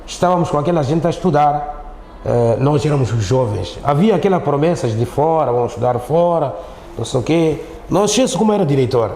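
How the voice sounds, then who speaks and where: In an echoey studio with roomy echo and faint background noise, a middle-aged Mozambican man, an Islamic teacher being interviewed, speaks briskly and with animation. His voice is a little high and mellow. He recounts things conversationally, repeats himself, and frequently ends on tag questions.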